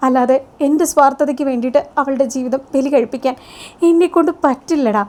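A young man who earnestly gives up what he wants and sounds resigned about it, as a woman retells the scene. The voice is pitched well up, higher than most women's. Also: fast talker, darkish tone, lightly acted.

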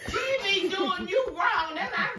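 A woman in casual family chat, animated and laughing as she tells things, recorded by a camera across a busy living room. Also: very high voice, a little slow. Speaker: family member. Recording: roomy, distant, noisy home recording.

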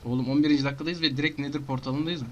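A man giving casual commentary on his own gameplay, talking to himself and breaking into frantic shouting and rapid repeated words. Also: on the high side, fairly even intonation, dull audio, very noisy. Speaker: gamer.

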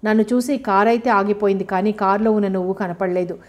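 Remorseful lame young man, read by a woman narrator: quiet, pleading, mellow. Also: mid-range voice, steady tone, fast, close to an everyday voice.

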